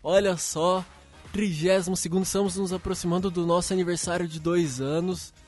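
Man, podcast host, high-pitched, upbeat, playful, casual chat. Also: steady tone, fairly quick, darkish tone, soft background music. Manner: upbeat, playful, cheers for applause.

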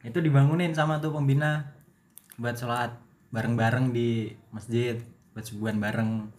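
A man's voice: mid-range voice, steady tone, moderate pace, darkish tone. A young man talking casually in a podcast chat, rambling and breaking off mid-sentence, often laughing at himself. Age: young adult. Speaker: guest.

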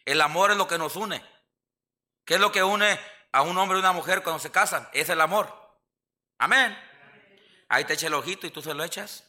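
A man's voice: high-pitched, a little fast, pauses often, sharp tone. A Mexican man from the south of the country preaching a sermon in church, folksy and joking, often asking the congregation for an amen. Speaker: pastor.

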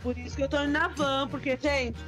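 A woman's voice: high-pitched, steady tone, a little fast, a bit bright, faint music behind. A woman co-hosting a live stream, chatty and exasperated, swearing casually as she talks. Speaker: co-host. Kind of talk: casual chat.

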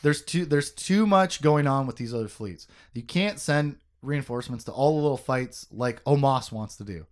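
A man's voice: mid-range voice, expressive, moderate pace, hardly any pauses. A man hosting a podcast, recapping a book in casual chat, joking, laughing often and swearing.

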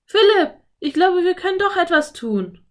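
A woman voicing a young girl who is timid and curious, speaking high and often hushed. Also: slow pace. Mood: upset.

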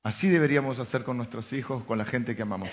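A man with a Rioplatense Spanish accent preaching a sermon as pastor, swinging from loud emphatic lines to soft intimate asides. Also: mid-range voice, fast. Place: church. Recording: slightly dull lo-fi sound.

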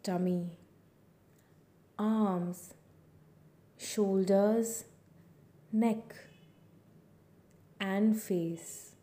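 Female relaxation guide: hushed spa-style near-whisper, very warm and mellow, unhurried short soothing phrases. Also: medium pitch, steady tone. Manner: slow, soothing, with long pauses between short phrases. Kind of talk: scripted guided body-relaxation meditation.

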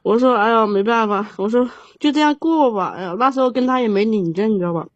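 A woman in her thirties tells a long, painful personal story on an advice call, rambling and halting with many restarts. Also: on the high side, dry recording. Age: 30s. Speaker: caller. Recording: dull lo-fi sound, dry.

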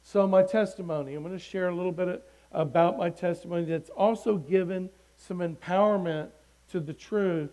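A middle-aged man with a high voice gives his personal testimony as a sermon at a church service, speaking earnestly in a steady tone at normal speed. His volume swells loudly when he reads scripture aloud, and the audio is poor.

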